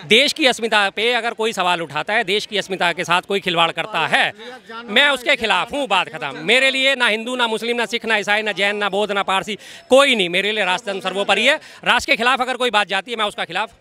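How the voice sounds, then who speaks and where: A man in a heated street debate, talking forcefully and repeating his points as he lectures. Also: high-pitched, fast talker.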